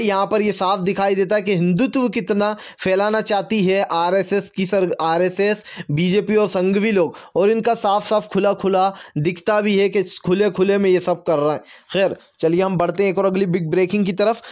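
A man presenting a fast, emphatic, opinion-heavy news rundown, leaning on catchphrases and fillers. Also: sits high, a little mellow.

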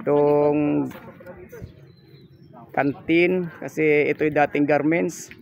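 A man's voice: a little high, steady tone, extremely slow, vocal fry, darkish tone, dull audio. A man walking a lot outdoors and narrating a property tour in polite, upbeat salesman patter. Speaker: real estate agent giving a property tour. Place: outdoors on a large fenced lot.

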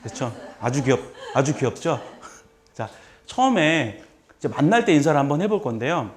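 Male lecturer, mid-pitched, chatty and joking, drills phrases with a live class. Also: sing-song, normal speed. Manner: chatty, joking, repeats phrases for students to follow. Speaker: lecturer teaching basic Russian. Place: seminar room with a live audience.

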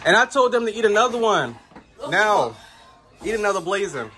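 Bright-voiced man hosting, teasing and egging on. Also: sits high, big pitch swings, moderate pace. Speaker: host filming the challenge. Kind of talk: casual chat. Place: home kitchen. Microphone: handheld phone, close behind it.

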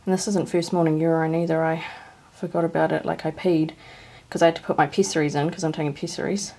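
Woman vlogging, nervous and shaky, husky, gravelly, mid pitch, handheld camera. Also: little pitch movement, fast. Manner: nervous, shaky, breathy, trailing off into quiet. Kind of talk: casual vlog narration.

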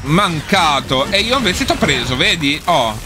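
A man's voice: fairly high pitch, sing-song, measured pace, background noise. A man giving casual let's play commentary, swearing and talking back at the enemies he fights. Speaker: gameplay streamer.

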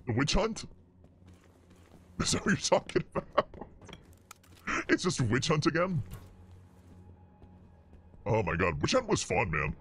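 A male game streamer talking through a deepening voice changer filter, goofing around and testing how it sounds. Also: huge pitch swings, unhurried, pauses often, fairly bright tone, a little hiss or hum. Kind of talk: casual gaming commentary.

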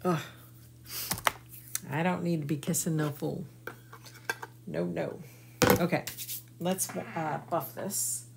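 A woman's voice: low voice, fairly even intonation, slow, creaky, pauses often, very noisy. A woman giving a chatty, folksy live craft tutorial and talking to her viewers as she works. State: hiccuping. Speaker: craft demonstrator.

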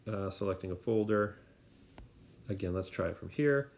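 A man with a fairly low voice talks through a screen-recorded tutorial. He explains each step casually, thinking aloud and dropping in fillers and quick asides. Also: gravelly.

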